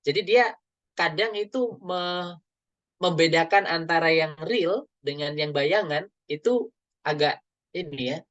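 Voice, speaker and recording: A man's voice: a little high, measured pace, no room sound, highs cut off. Man giving a webinar talk. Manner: explanatory, often tags phrases with a soft "gitu ya". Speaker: public speaking trainer.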